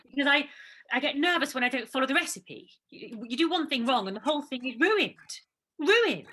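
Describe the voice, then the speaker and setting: This is a nervous London woman in a stage drama, played by an actress, worrying aloud while she cooks for her partner. Her voice is bright and fairly high, and it swings widely in pitch. She talks in a hesitant way and keeps restarting her sentences. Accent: London English. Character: anxious woman cooking dinner for her partner. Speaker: actor in a two-hander play. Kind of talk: naturalistic stage drama dialogue.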